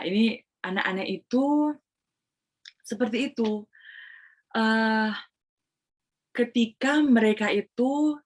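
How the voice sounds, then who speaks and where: A woman Montessori trainer explaining in an online webinar, mixing English phrases into her talk and acting out examples. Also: medium pitch. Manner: acts out examples of what she tells children.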